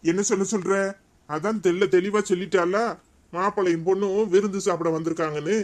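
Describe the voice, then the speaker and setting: A man's voice: high-pitched, fairly even intonation, fairly quick, natural voice. A man with a Tirunelveli Tamil accent voicing a concerned elder brother in a cartoon, talking earnestly and questioning.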